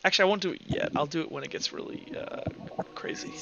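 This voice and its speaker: Narrating on the fly, a game master casually thinks aloud while running a tabletop roleplaying game. He speaks at a quick pace in a fairly high voice with vocal fry, over music on a dull, lo-fi recording.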